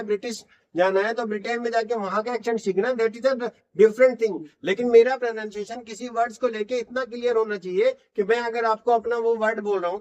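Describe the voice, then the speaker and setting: A man's voice: very high-pitched, darkish tone, lo-fi sound. A male English teacher giving a classroom-style lesson, explaining in Hindi and repeating short English example sentences for students to copy. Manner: repeats phrases for drill, asks students rhetorically. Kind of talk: classroom lecture.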